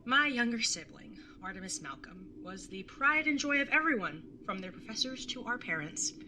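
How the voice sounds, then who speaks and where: A woman voices a sardonic, casually sweary young artist bartender, jaded and wry, narrating and speaking dialogue as an older sibling in a first-person audio drama. She sounds a little high with big pitch swings at a moderate pace, over a noisy background.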